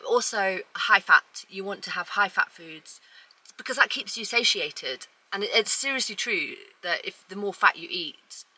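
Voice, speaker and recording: A woman's voice: mid-range voice, animated, moderate pace, pushed and bright, poor audio. A woman in her forties giving casual advice to viewers as a video host, recorded inside a small camper van. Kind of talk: casual advice vlog, talking to camera.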